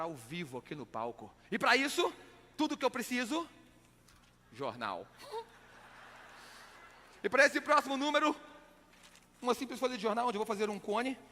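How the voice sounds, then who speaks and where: A man from Minas Gerais, Brazil, with a Minas Gerais Portuguese accent and a voice that sits high, performs as a stage magician and comedian on a large live event stage. His joke-telling is playful and energetic, with shouted punchlines, and the hall has long reverb.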